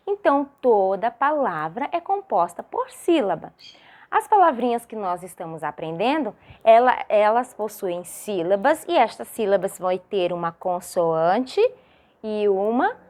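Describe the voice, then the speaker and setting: Here a woman teaching young children in a recorded video lesson speaks with a Brazilian Portuguese accent. Her mid-range voice is slightly mellow, and she goes slowly in a sing-song way, drawing out syllables and posing many rhetorical questions.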